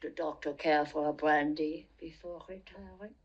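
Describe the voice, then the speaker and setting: An actress playing a grim, stern older female housekeeper with slow, solemn delivery. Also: sits low, fairly even intonation, slightly rough, lo-fi sound.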